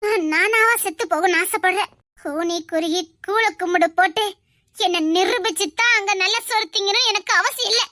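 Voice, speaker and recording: A woman acts out a proud young woman in a family drama, speaking earnestly and defiantly in a Tirunelveli Tamil accent. Her voice is very high and bright, and the sound is dry and close. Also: normal speed, no room sound.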